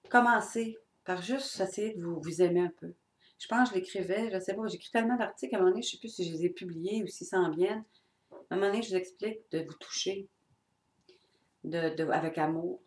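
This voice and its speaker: A woman's voice: on the low side, a little mellow. A middle-aged woman with a Québécois accent giving an unscripted, blunt and earnest talk on personal growth to her viewers. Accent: Québécois French. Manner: blunt and earnest, with swearing and mimicked voices. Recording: echoey room.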